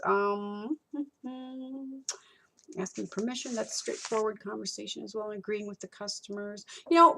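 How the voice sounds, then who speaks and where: A middle-aged woman teaching a college course, talking casually through a textbook chapter and acting out customer exchanges. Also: medium pitch. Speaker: college instructor. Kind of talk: recorded lecture walking through a textbook.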